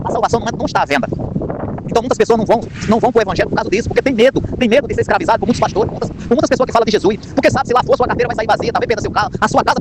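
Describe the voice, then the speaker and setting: A man preaching an informal sermon into his phone, fervent and repetitive, with many rhetorical questions. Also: very high voice. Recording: outdoor phone recording with traffic noise.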